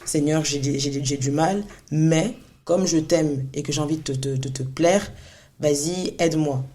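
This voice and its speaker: A woman in her thirties co-hosts a faith podcast, and her voice is deep and warm at a moderate pace. She comes across earnest, encouraging and casual, laughing often and restarting her sentences frequently.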